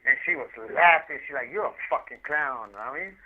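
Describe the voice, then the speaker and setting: This incarcerated caller, phoning in collect, speaks at normal speed in a somewhat high voice. Through a tinny, muffled prison line he chats casually and at length, telling slangy, rambling anecdotes and repeating himself.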